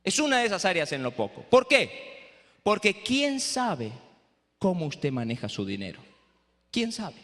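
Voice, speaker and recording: A man lecturing pastors in a preaching style, lively and rhetorical, often asking the audience "eh?". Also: sits high, a little slow, pauses often. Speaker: speaker at a training for pastors. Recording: echoey hall.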